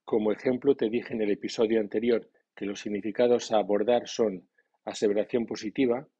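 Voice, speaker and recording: A man narrating a scripted language lesson, reading out example sentences slowly and with careful stress. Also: lowish voice, steady tone, warm tone, slightly rough, no room sound, lo-fi sound. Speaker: English teacher.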